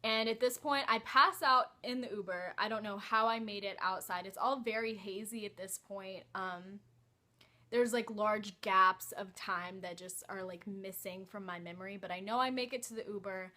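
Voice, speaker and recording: A young woman recounts a personal story in a casual vlog, hesitant and peppered with "like" and "um". Her voice is bright and clear, at an ordinary pitch. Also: normal speed. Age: young adult. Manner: hesitant, many "like" and "um" fillers. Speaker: vlogger.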